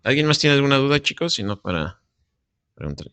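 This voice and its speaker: A man's voice: medium pitch, big pitch swings, fairly quick, bright, forceful tone, clean tone, no room sound. A man professor gives feedback to students and keeps asking them questions to check that they follow. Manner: questioning, constantly asks "¿sí?". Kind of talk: classroom feedback.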